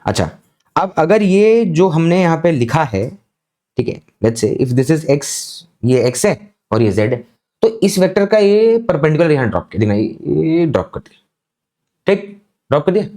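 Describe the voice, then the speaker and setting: A man giving a physics lecture, explaining slowly and deliberately and often checking that students follow. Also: a little high, sing-song, mellow. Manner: slow, deliberate explaining with frequent check-ins. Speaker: physics teacher.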